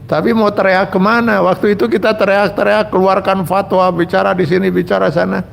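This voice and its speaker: A man's voice: high-pitched, flat delivery, brisk, gravelly, slight background noise. A man, an Islamic cleric giving a religious lecture and telling personal stories earnestly, speaking straight to his audience. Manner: earnest storytelling that addresses the audience directly.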